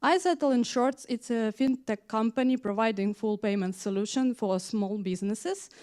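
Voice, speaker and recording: A woman's voice: a little high, normal speed, darkish tone. A woman from Ukraine giving a conference talk, speaking with many hesitations and frequent fillers. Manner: hesitant, frequent "uh" fillers, non-native grammar. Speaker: conference speaker, tech manager. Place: conference hall.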